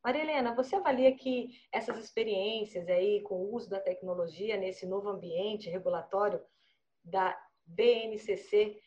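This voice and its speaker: A woman's voice: medium pitch, moderate pace, a little mellow. A woman hosting a panel, prompting guests with friendly questions. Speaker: host. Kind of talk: panel moderation. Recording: dull lo-fi audio.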